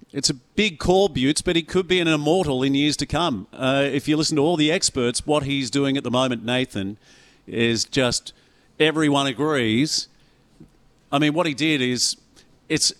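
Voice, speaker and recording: An Australian man hosting a sports radio interview, chummy and effusive, stretching key words for emphasis. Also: medium pitch. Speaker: radio sports show host.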